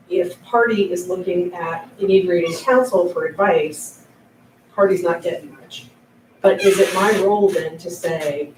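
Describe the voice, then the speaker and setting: A woman's voice: on the low side, a little mellow, slight background noise. A woman in a mediation training class asking a candid question, thinking aloud as she describes a case. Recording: echoey room, mic far off.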